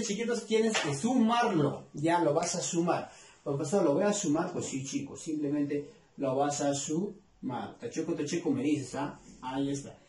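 A man teaching arithmetic to children, coaxing them with many quick questions. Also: sits high, darkish tone, distant mic. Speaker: math teacher. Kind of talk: explaining a lesson to children. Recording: echoey room, voice away from mic.

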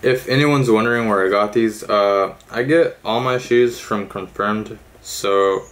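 A man's voice: fairly low pitch, measured pace, fairly bright tone, low-quality recording. Laid-back young man vlogging from his car. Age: young adult. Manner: laid-back, rambling with many fillers. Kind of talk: casual vlog chat. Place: parked car, then gym.

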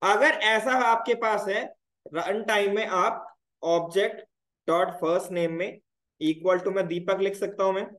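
High-voiced man teaching a coding class. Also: steady tone, measured pace, fairly bright tone, roomy sound, poor audio. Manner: explains step by step, checks in with repeated "clear, brother?". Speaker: programming teacher. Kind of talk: live coding class tutorial.

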